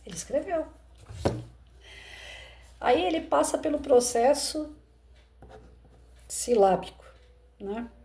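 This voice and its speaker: A woman's voice: sits high, animated, slow, pauses often, mellow. A woman with a Brazilian Portuguese accent, an educator talking through a parable in a conversational way and asking rhetorical questions. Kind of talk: reflective commentary on a parable.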